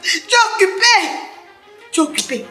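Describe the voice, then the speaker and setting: Actress plays a Cameroonian widow: very high, bright voice, theatrical wailing, echoey room. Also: female voice, animated, normal speed, soft background music, exaggerated voice. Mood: scolding. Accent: Cameroonian French. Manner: theatrical, loud, wailing laments. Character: loud grieving middle-aged widow, dramatic wailer. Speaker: widow in a comedy sketch.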